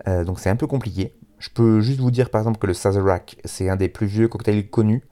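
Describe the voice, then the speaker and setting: A man's voice: fairly low pitch, fairly even intonation, a little fast, warm tone. A man with a French accent casually presenting a radio music show on his own, hesitant and self-deprecating as he goes.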